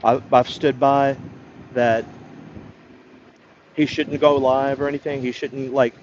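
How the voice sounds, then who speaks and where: A man's voice: mid-range voice, level tone, slow, darkish tone. Guy rambling and cussing to his stream chat, dull lo-fi sound, faint hum behind. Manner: rambling, profane, hesitant restarts. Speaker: livestreamer greeting chat. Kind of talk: casual livestream chat.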